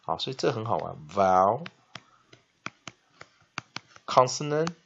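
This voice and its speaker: A male teacher explaining English spelling, spelling words out letter by letter and repeating them slowly. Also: deep voice, animated, gravelly. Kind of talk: classroom-style lesson explanation. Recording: dull lo-fi recording with faint noise.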